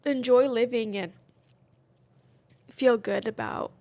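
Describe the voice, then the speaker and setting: A woman's voice: on the high side, steady tone, takes it slowly, creaky, mellow, no echo. A woman co-hosting a podcast, talking candidly and casually with lots of fillers. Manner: candid, chatty, many fillers. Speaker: podcast co-host. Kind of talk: casual chat.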